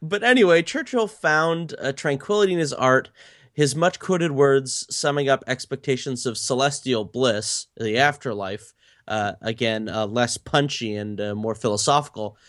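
A man of middle pitch co-hosting a casual podcast, recounting history with lots of "uh" and "um" as he goes. His voice sounds dry and close, with no room echo. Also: normal speed, a bit bright. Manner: storytelling with frequent fillers. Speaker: podcast co-host. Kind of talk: casual chat.

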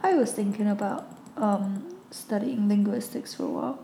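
Gravelly-voiced woman, echoey room. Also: medium pitch, lively intonation, dark tone, slight background noise. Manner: exasperated, quick to swear. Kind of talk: casual couple banter. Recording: echoey room with faint ambience.

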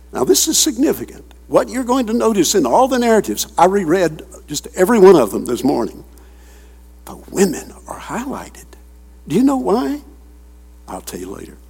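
Gravelly, lively preacher in a reverberant hall. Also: male voice, high-pitched. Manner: animated, chuckling asides, asks the congregation questions. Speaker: pastor. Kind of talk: expository sermon reading and commenting on scripture.

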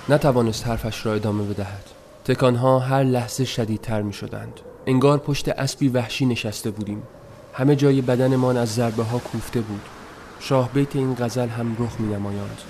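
A man reading a story aloud in a soft, measured, somber voice, as scripted narration. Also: medium pitch, steady tone. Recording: noisy recording.

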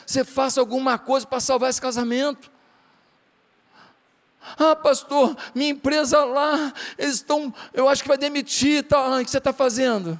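A high-pitched man preaches a sermon, slipping into little acted exchanges with his flock and rising into fervent calls to action. His voice rings with the long reverb of a church hall. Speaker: pastor.

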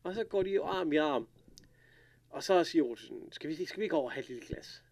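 A man casually recapping an episode, retelling scenes with lively quoted lines and laughter. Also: on the high side. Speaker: podcast co-host recapping an episode. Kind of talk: casual chat.

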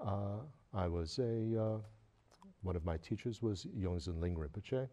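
A man giving a Buddhist teaching, talking in a loose, hesitant way with many pauses and fillers, often chuckling as he tells stories. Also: low voice, mellow. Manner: storytelling with frequent chuckles. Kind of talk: dharma lecture.

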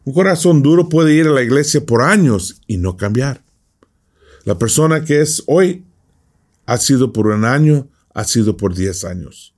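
A man's voice: medium pitch, lively intonation, a little mellow. A man preaching a Bible study sermon, reading scripture and explaining it, often checking in with short rhetorical questions. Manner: slow, deliberate, with frequent rhetorical tag questions.

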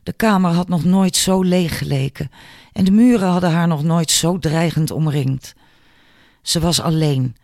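A man reading an audiobook in a measured, expressive storytelling manner. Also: on the high side, no room sound, studio quality. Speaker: audiobook narrator. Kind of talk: scripted narration.

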